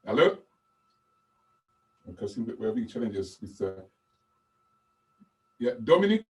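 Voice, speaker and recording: A man hosting a live video call, prodding his guests with quick questions. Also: fairly low pitch, sing-song. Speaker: host. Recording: distant from the mic.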